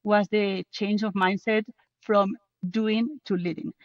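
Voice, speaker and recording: A woman from Spain, a guest and co-author, speaks English as a second language with a strong Spanish accent in an interview. Her medium-pitched voice is steady and slow, and the recording is dry and muffled. She is passionate and casual, with restarts and non-native grammar.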